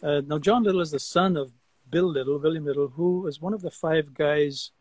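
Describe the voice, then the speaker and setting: A Guyanese man in his sixties, a guest artist, chats animatedly on a casual video call from an outdoor deck among trees, often repeating his words. His voice is a little high, a little mellow, and a little fast, captured dry through a webcam.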